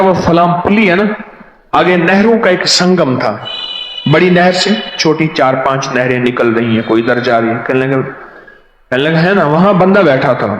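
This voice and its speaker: A man preaching a sermon, telling stories with quoted dialogue in an animated way. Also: fairly high pitch. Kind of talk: sermon storytelling. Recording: echoey hall, dull lo-fi sound.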